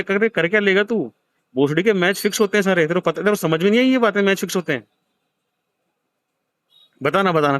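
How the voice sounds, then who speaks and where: A man's voice: on the high side, fairly bright tone, clear, resonant tone. A man in his thirties, hosting, gives a blunt, profane scolding to a gambler in a harsh heart-to-heart lecture. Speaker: host counseling a gambler.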